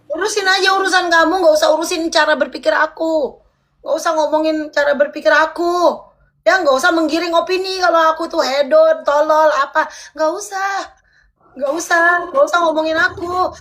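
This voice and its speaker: A woman's voice: extremely high pitch, brisk, fairly bright tone. A woman arguing heatedly on a livestream, scolding and repeating her demands over and over. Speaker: livestream co-host.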